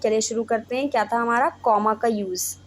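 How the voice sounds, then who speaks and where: A woman's voice: a little high, steady tone, fairly quick. A young Indian woman teaching a grammar lesson, explaining step by step and often checking in with her students. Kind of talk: Hindi-English grammar lesson.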